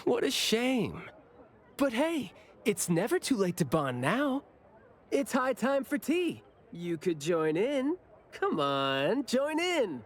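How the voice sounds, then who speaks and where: An actor voices a playful, teasing senior bureau officer in an anime game, stretching his lines out theatrically. His medium-pitched delivery has a sing-song lilt and a breezy, lighthearted mood.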